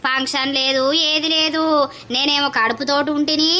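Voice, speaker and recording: A bossy, pregnant village stepmother from an animated drama, voiced by a woman, snapping in a Telangana Telugu accent. Her voice sits high and sounds bright and tense. She scolds without letting up. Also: moderate pace. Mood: scolding.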